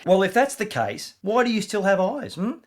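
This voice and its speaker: A man co-hosting a scripted podcast, animated and emphatic. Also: moderate pace. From Australia. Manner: animated, emphatic, rising pitch on jabs. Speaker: podcast co-host. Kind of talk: scripted comedic podcast banter.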